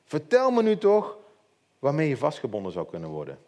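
A man's voice: fairly high pitch, wildly swooping pitch, fairly quick, darkish tone. A man voicing a pleading biblical temptress. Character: pleading, scheming young woman, biblical temptress.

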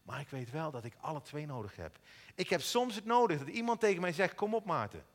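Earnest male preacher, fairly high and very animated, in a reverberant church hall. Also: fairly quick. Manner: earnest, animated, stammers on repeated words. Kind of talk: sermon. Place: church in Eindhoven.

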